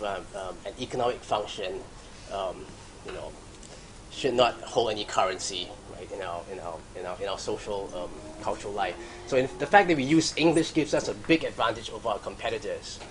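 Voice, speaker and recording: Low-pitched Singaporean man lecturing. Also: a little hiss or hum, rough recording. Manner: halting, with repeated starts and frequent check-in "right?". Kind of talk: academic lecture to an audience.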